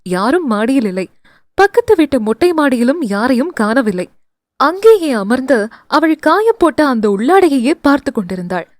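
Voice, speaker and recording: Animated woman storyteller, dry close sound. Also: high-pitched, normal speed, no echo. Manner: expressive, animated reading. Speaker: audio novel narrator. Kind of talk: scripted storytelling narration.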